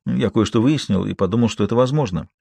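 A man voicing a weary, cautious middle-aged detective in an audiobook thriller, asking questions in a low, measured way. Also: creaky, mellow, breathy edge, no echo. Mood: earnest, cautious.

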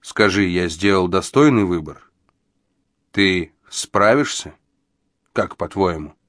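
A man reading an audiobook, voicing a grave older master of a secret trade who speaks with measured, weighty deliberation. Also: deep voice, animated, a bit bright, no echo, studio quality, exaggerated voice.

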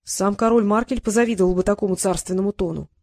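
Woman narrating an audiobook calmly. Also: mid-range voice, fast talker. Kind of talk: scripted narration.

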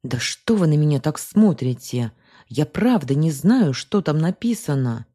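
Brief: defensive, hurt young woman, read by a woman narrator, animated. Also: low voice, unhurried, husky, exaggerated voice. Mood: pleading. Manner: pleading, defensive. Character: young woman, wrongly blamed and pleading.

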